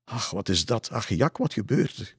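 A man's voice: on the low side, animated, normal speed, breathy edge, no room sound, clean studio sound, pitched above the performer's own voice. A man voicing a frightened young village girl in a folk tale.

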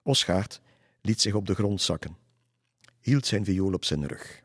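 A man reading a folk tale aloud in a measured way. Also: low voice, animated, breathy edge, no echo, clean studio sound. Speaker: narrator. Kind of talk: storybook narration.

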